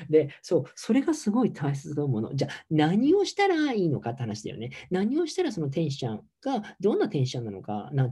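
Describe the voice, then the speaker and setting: A man's voice: fairly high pitch, mellow, husky. A middle-aged man, a yoga teacher, giving a campy, chatty, teasing livestream talk and reading viewer comments aloud.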